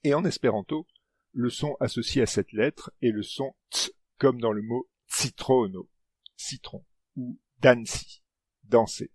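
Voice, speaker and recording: Male presenter, husky and gravelly, scripted lesson read in a dry booth. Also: medium pitch, a little slow, a little mellow, no room sound. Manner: explanatory, stresses example words. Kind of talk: scripted educational narration.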